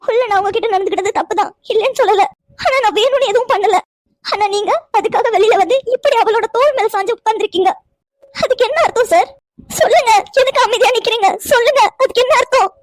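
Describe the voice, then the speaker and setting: Woman doing a super high-pitched teary cartoon girl, accusing her boyfriend, talks really fast. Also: darkish tone, no echo. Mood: angry. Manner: accusing, tearful, insistent questions. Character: young woman, hurt and angry at her lover. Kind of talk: cartoon voice acting.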